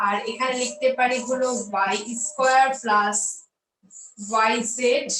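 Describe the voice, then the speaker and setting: Bright-voiced woman teaching math. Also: on the high side, recorded from a distance, a little hiss or hum. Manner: asks questions then answers them herself. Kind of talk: explaining a math lesson step by step. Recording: roomy echo, voice off-mic.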